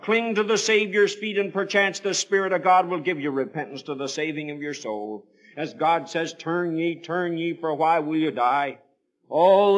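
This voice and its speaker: Over the airwaves, a man with a somewhat high, mildly bright voice preaches through Bible stories. His tone is theatrical, solemn and imploring, and his wording leans on old-fashioned scripture, storytelling in the style of an evangelistic sermon.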